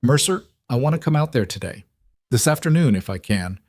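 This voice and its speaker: A man's voice: medium pitch, animated, a little mellow, dry recording, studio quality, voice pushed up, lightly acted. A man doing a methodical middle-aged sheriff. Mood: businesslike. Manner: unhurried, matter-of-fact. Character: methodical, honest fifties male sheriff.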